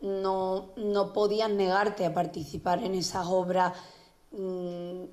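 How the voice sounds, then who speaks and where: Hesitant woman journalist with a dark voice. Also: mid-range voice, level tone, takes it slowly. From Spain. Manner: hesitant, many restarts and fillers. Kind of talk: conference talk. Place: public conference hall.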